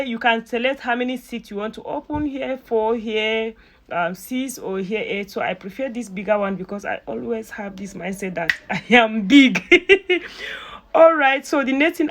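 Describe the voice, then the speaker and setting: A young woman walking viewers through an app in a chatty, self-mocking way, with frequent fillers. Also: medium pitch. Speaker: YouTuber giving an app tutorial. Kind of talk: casual screen-recorded tutorial.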